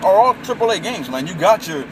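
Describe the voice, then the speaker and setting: A man's voice: sits high, big pitch swings, a little fast. A man in his late twenties ranting casually about gaming, calling everyone man and bro, with a lot of fillers. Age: late 20s. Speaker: gaming vlogger. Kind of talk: casual rant to camera. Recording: distant mic with loud traffic and air conditioning. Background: vehicle and urban noise.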